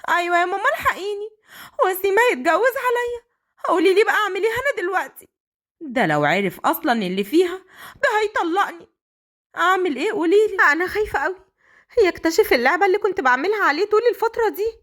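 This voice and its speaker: A woman's voice: extremely high pitch, expressive, quick pace, fairly bright tone, voice pushed up. A woman voicing a panicked young wife, pleading and frantic.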